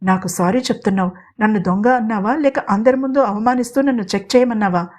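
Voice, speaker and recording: A woman's voice: a little high, quick pace, darkish tone, close to an everyday voice. A woman voicing an angry, wounded middle-aged mother who questions sharply in an audio drama. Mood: indignant.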